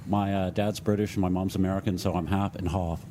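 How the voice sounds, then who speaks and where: Mellow low-voiced Welsh-born man. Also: little pitch movement, fast, slight background noise. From Wales. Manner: hesitant, filler-heavy explaining. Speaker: guest accordion player. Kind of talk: casual chat.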